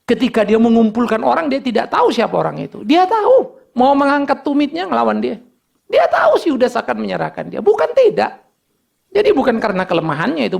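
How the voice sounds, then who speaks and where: Gravelly, lively-voiced male pastor preaching. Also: high voice. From Indonesia. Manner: lively preaching, mixes in casual asides and acted dialogue. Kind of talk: sermon.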